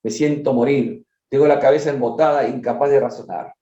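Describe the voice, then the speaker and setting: A man voicing a gravely ill older man who cries out for help in panic. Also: mid-range voice, fairly even intonation, brisk, close to an everyday voice. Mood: pleading. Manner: shouting in panic. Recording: echoey dull lo-fi room.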